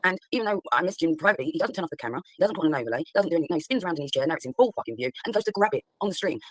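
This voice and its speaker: A man's voice: fairly high pitch, lively intonation, rapid-fire, no echo, poor audio. A man on a livestream who talks bluntly, swears constantly and rambles through many fillers. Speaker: streamer. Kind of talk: heated livestream conversation.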